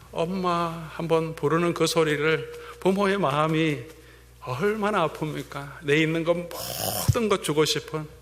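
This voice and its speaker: A male pastor preaching a sermon, swinging between fervent emphasis and hushed whispers. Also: on the high side. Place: church sanctuary. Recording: long church-hall reverb.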